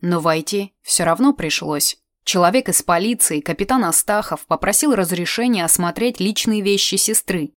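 A woman narrating an audiobook in even, measured storytelling. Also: lowish voice, no room sound, clean studio sound. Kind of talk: scripted narration.

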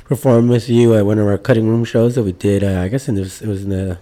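A man's voice: on the low side, fairly even intonation, quick pace, dark tone. A man hosting a casual music interview, rambling with many restarts and fillers. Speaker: host.

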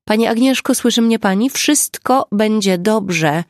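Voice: medium pitch, unhurried, no room sound. Brief: narrator as a composed woman, firm and reassuring, dry close sound. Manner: calm, clear and firm. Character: grown woman, steady and reassuring.

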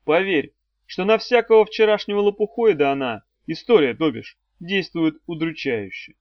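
A sardonic demon swordsman mentor, read by a man, barks orders, needles his pupil and drops cool threats. His voice rides a little above a man's usual pitch and lands firmly and loudly. The audio is dry and a touch muffled. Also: lively intonation, moderate pace, no echo, close to an everyday voice. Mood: mocking. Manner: mocking, commanding, dry threats. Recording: dry, slightly dull audio.

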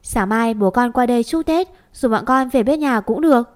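A woman's voice: a little high, lively intonation, normal speed, darkish tone, natural voice. A woman voicing a cheeky younger sister who teases and tattles to her grandmother. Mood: teasing. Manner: cheeky, teasing.

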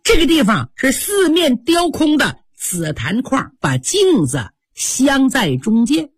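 A woman's voice: sits high, sing-song, slow, breathy edge, dry recording. A woman telling a traditional story vividly, with sound effects, in a broadcast. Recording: dry studio broadcast.

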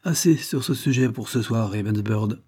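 Curt, decisive lord, read by a man, mellow husky low voice, Victorian audiobook. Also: moderate pace. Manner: curt, decisive, brooks no reply.

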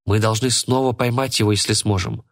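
A man voicing a calm grown man who speaks quietly and insistently in a spoken storybook. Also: on the low side, fairly quick, dry recording, clean studio sound, natural voice.

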